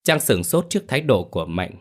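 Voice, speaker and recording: A man narrating a dark family story in a somber, scripted telling. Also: mid-range voice, very animated, quick pace. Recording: faint background music.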